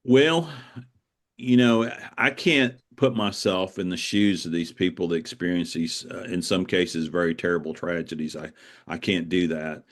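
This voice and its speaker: A man interviewed as an author tells stories reflectively and conversationally, earnest and halting, repeating phrases for emphasis. His voice sits low with fairly even intonation.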